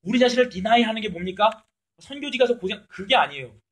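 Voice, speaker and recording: A woman's voice: fairly high pitch, lively intonation, fast talker, breathy edge. A woman preacher giving an impassioned church sermon, exhorting her congregation directly and dropping English words into her speech. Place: church service.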